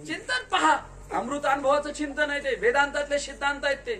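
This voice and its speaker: A man giving a spiritual discourse in a large tent, questioning the listeners and telling them to answer louder. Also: very high-pitched, a little fast. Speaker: kirtankar preacher. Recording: distant mic with faint noise.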